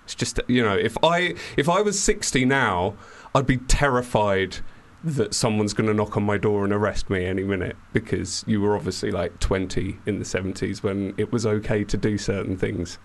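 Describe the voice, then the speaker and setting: A man's voice: fairly low pitch, normal speed, few pauses. A middle-aged man hosting a radio show from a studio, chatting casually and jokingly. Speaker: radio host.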